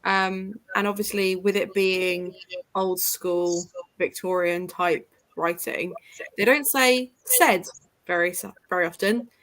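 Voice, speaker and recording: A woman's voice: medium pitch, slow, fairly bright tone, dry recording. Dry-humoured woman, close dry mic. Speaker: teacher and stream guest. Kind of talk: casual chat on a livestream.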